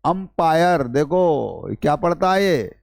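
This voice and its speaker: A male teacher runs a classroom-style English lesson, pitched a little high. He keeps firing questions at the class and repeats each point, calling his students brother. The sound is dry and close. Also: animated, unhurried, darkish tone, no room sound.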